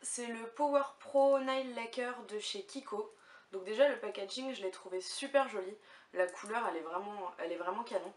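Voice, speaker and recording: A woman's voice: mid-range voice, normal speed. A young woman vlogging casually to camera, chatty and hesitant, with lots of fillers. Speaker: beauty vlogger. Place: room at home. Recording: echoey room, mic far off, faint hiss.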